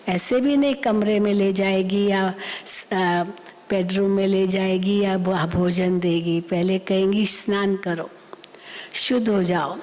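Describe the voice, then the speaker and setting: A woman spiritual teacher giving a devotional class, telling a parable slowly with many repetitions and acted quotes. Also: medium pitch, darkish tone. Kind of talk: devotional class on the daily lesson. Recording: long hall reverb.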